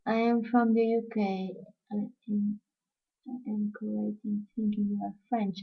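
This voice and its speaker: Her voice is mid-range, creaky and slightly rough, level in tone and unhurried. She's a crafting tutorial host from Portugal with a Portuguese accent, chatting on a live stream and answering viewer questions as she works. The audio is dull, lo-fi livestream quality.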